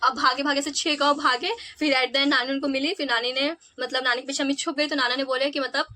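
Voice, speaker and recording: A young woman vlogger casually telling a family story to camera, animated, acting out quoted lines and filling pauses often. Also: sits high. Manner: animated, acts out quoted lines, many fillers.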